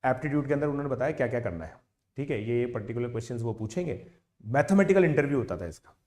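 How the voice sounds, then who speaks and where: A man in his thirties, an educator, tells a motivational story to online students in a casual, animated way. He mixes English words into his Hindi and checks in with listeners again and again. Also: mid-range voice, quick pace. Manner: chatty, animated, with frequent "theek hai" check-ins.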